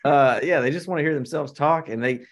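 A man's voice: a little high, fairly quick. A man co-hosting a podcast, arguing his opinions in casual chat. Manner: opinionated, argumentative. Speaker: podcast co-host.

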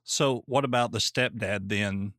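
A man's voice: on the low side, unhurried, a bit bright, dry recording. Man, podcast host, easygoing interviewer, dry close mic. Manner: easygoing, short affirmations. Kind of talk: conversational interview.

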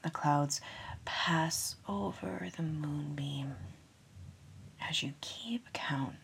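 Very slow whispering woman. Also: sits low, vocal fry, a little hiss or hum. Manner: soft unvoiced whisper, very slow and soothing. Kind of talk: whispered sleep story.

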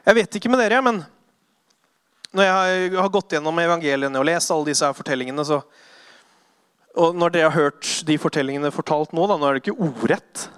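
A man preaching a sermon, retelling Bible stories with lively acted-out voices and sudden hushed passages. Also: on the high side, smooth, dry recording, clean studio sound. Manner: animated storytelling, acting out voices, drops to hushed tones.

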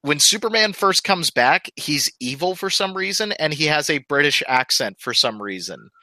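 A man with a bright, forceful voice talks movies in a loose, lively chat. He tosses out exaggerated asides and quick jokes. The sound is dry and close, with no room around it. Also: a little high, no echo, rough recording. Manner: animated, exaggerated asides and laughter. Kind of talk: casual chat about movies.

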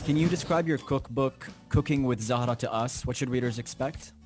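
Relaxed male radio host. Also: medium pitch, moderate pace, faint music behind. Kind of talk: radio interview.

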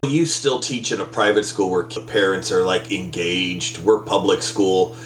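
A public school teacher with a deep voice and measured pace co-hosts a casual podcast, rambling through wry, profane banter. The recording comes from an echoey room with a faint hum.

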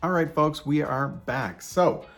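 A man's voice: on the high side, takes it slowly. A man hosting a casual whisky tasting vlog, chatting loosely with fillers and restarts. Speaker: whisky reviewer host.

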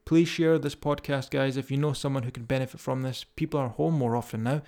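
A man's voice: medium pitch, fairly even intonation, brisk, darkish tone. A man with a strong Scottish accent, talking informally and directly to listeners as a fitness coach hosting a podcast. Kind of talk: casual motivational podcast talk.

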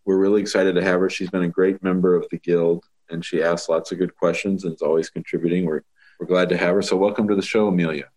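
Deep-voiced man co-hosting a podcast. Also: level tone, quick pace, a little mellow. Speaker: podcast co-host. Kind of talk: casual podcast interview.

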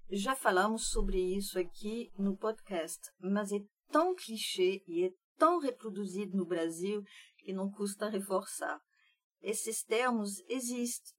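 A woman with a Brazilian Portuguese accent, co-hosting a casual educational podcast and explaining usage calmly. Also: mid-range voice. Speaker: podcast co-host.

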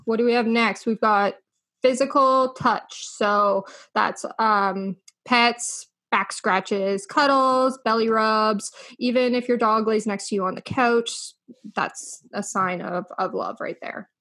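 A woman's voice: on the high side, slow, fairly bright tone. Playful woman cohost, casual chat, laughs easy. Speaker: podcast co-host. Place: radio studio.

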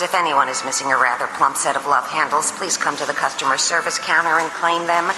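A deadpan shop announcer makes a mock-formal call over the store loudspeaker. Her voice sits very low and booms around a large, echoing hall. Music plays clearly underneath. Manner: mock-formal, dry public address tone. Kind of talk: scripted ad read.

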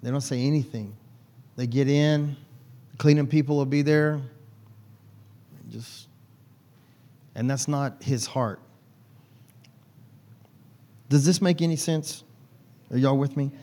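A man's voice: medium pitch, slow, pauses often, warm tone. A man preaching a conversational sermon in church, chatting with and teasing his congregation. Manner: folksy, teasing the congregation by name. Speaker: pastor.

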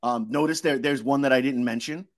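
A man's voice: medium pitch, brisk. A man in casual chat, teasing and full of restarts.

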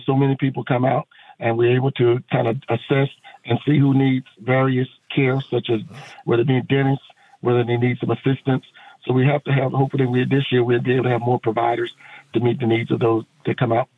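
A man's voice: medium pitch, little pitch movement, brisk, dry recording. A middle-aged man, a pastor and veteran, talking earnestly on a phone-in radio interview with many fillers and restarts. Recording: tinny phone line.

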